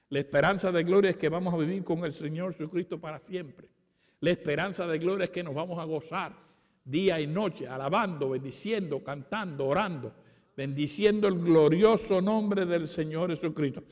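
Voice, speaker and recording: A Puerto Rican man preaching a sermon at a conference, with emphatic, repeated declarations. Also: high voice. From Puerto Rico. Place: conference hall. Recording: long hall reverb.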